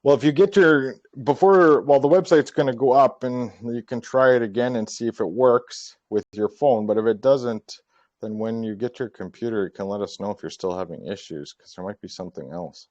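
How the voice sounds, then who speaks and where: A man's voice: mid-range voice, normal speed, a little mellow, no room sound. A man hosting a casual online Q&A, explaining things plainly and easily with some restarts. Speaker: token project team member hosting a Q&A. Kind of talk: casual voice-chat Q&A. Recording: dull lo-fi voice chat.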